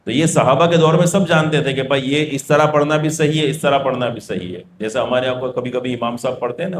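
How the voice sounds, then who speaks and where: A man's voice: medium pitch, echoey room, slight background noise. A male preacher tells a religious story as a sermon. He explains with everyday examples and asks and answers his own questions.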